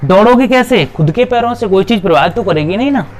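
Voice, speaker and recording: High-voiced man teaching grammar. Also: animated, fast talker. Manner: repetitive, asks and answers his own questions; fillers of "okay" between points. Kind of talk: classroom-style video lesson.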